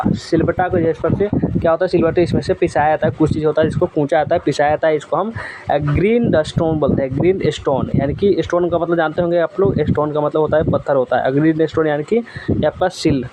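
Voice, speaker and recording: Man, vocabulary lesson, slightly raised pitch, repeats and quizzes, noisy background. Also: brisk. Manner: repeats each word and quizzes the viewer. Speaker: teacher.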